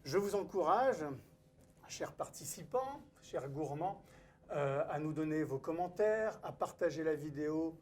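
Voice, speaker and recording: In a cooking school studio kitchen, a man who is both an event host and a wine author welcomes viewers to a live-streamed cooking event and introduces the guest chef with formal emcee polish. His voice sits a little high and sounds expressive and unhurried, with a faint hiss or hum in the background.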